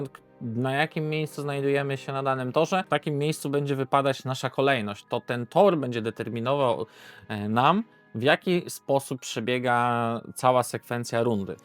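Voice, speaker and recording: A man with a mid-range voice presents a board game at normal speed, speaking informally and off the cuff. He's conversational, asking questions and answering them himself, with music playing in the background.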